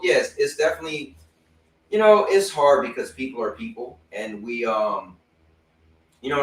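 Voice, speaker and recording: A man hosting a casual talk show, telling animated stories and acting out other people's lines. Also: medium pitch, echoey room, distant mic, a little hiss or hum, rough recording. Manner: animated storyteller, acts out friends' lines. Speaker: host. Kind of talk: casual chat.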